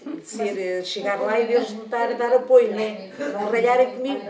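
A woman's voice: a little high, normal speed, crowd noise. An older woman with a European Portuguese accent, chattily telling a childhood story from her own life. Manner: lively, chatty, animated retelling with fond diminutives. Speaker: senior storyteller. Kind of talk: life story told aloud. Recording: echoey room, speaker far from mic.

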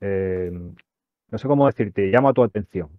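A man hosting a podcast, speaking in a relaxed, searching way with many fillers. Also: fairly low pitch, normal speed, no echo. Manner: relaxed, thinking aloud with fillers. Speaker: podcast host. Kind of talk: casual podcast interview. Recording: dry, dull lo-fi sound.

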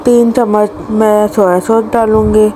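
A woman's voice: medium pitch, level tone, a little slow. Woman giving a home recipe voice-over. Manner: plain step-by-step instructions with small restarts. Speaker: cooking channel host. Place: home kitchen. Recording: noisy home recording.

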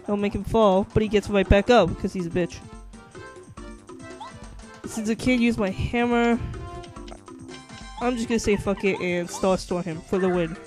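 High-voiced young man commenting on gameplay. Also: steady tone, moderate pace, pauses often, music in the background. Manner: casual, swears often, trips over words. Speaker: let's play host.

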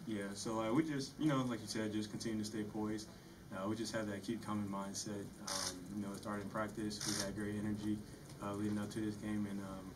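A young man, a college basketball player, answering postgame questions in a halting way, with many fillers. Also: on the low side. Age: young adult. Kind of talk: postgame press conference answers. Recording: distant mic with clear room noise.

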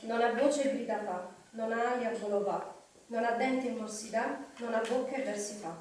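Woman doing a hissing, ingratiating cave creature, slow and sly, distant in a roomy hall. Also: on the high side, a little mellow, lightly acted. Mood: sly riddling. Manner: hissing, drawn-out, slyly ingratiating. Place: live reading evening in a hall. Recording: echoey hall, distant mic, faint noise.

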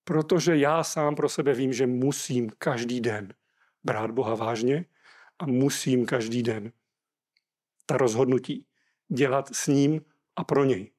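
A man's voice: mid-range voice, steady tone, darkish tone. A Czech man preaching a sermon, reading scripture aloud and explaining it earnestly.

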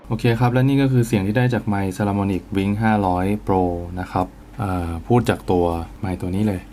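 A man's voice: lowish voice, normal speed, warm tone, slight background noise. A man talking casually as he unboxes and tries out gear for his channel, thinking aloud as he goes. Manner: chatty, thinks aloud while handling gear. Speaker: vlogger reviewing gear.

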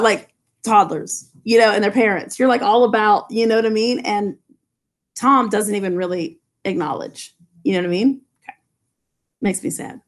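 A middle-aged high school English teacher reads a novel aloud to her class, stopping now and then for chatty asides packed with "like" and "you know." She's in a low-ceilinged classroom under fluorescent lights, picked up from below by a laptop webcam.

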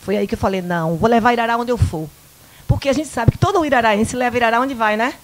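Her voice is on the high side and quick as this Bahian event producer in her fifties, from the Bahia countryside, shares personal stories as a guest in a small local studio. Holding a handheld mic, she animatedly acts out the dialogue in casual interview storytelling, sprinkling in frequent "né?" with her Bahian Brazilian Portuguese accent.

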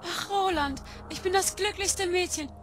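A woman's voice: extremely high pitch, a little slow, noisy background. A woman voicing an earnest young village bride in a fan-made game mod. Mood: overjoyed. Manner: earnest, heartfelt.

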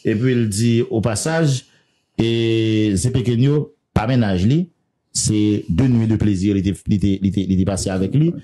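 A man's voice: lowish voice, normal speed, mellow. A man hosting a gossip news show, chatty and laughing often as he reads out details.

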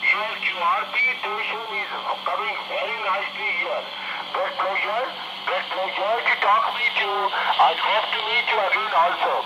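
A man's voice: high voice, moderate pace. A man from India, an amateur radio operator, heard over a breaking-up radio signal as he repeats phrases and spells out call signs. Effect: radio breaking up, fading signal. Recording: dull, noisy shortwave radio reception.

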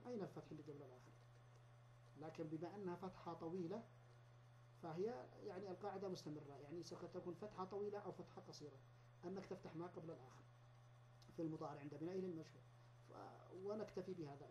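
A man lecturing on grammar at university level, explaining step by step and repeating example words slowly. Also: fairly high pitch, mellow, slight background noise. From Yemen. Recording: dull lo-fi lecture recording.

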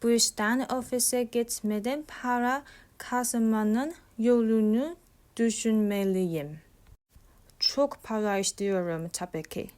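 Slow, halting woman with a foreign accent. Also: on the high side, a little mellow, no echo. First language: not Turkish. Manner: halting, broken learner's Turkish. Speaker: vlogger. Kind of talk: scripted personal narration for language practice.

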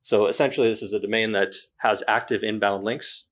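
A man's voice: on the low side, fairly even intonation, brisk, fairly bright tone. A man with a Canadian accent giving a conference talk in a plain, direct way, with frequent ums and uhs. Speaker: conference presenter.

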